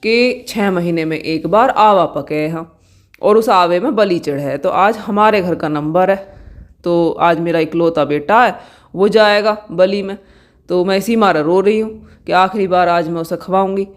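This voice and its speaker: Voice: mid-range voice, a little slow, close to an everyday voice. A narrator voicing a grieving old village woman. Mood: sorrowful.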